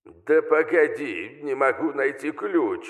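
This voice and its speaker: A man's voice: a little high, lively intonation, slow, pitched above the performer's own voice. A man voicing a crude, joking old male healer who boasts about himself, in an audiobook. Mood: gruff.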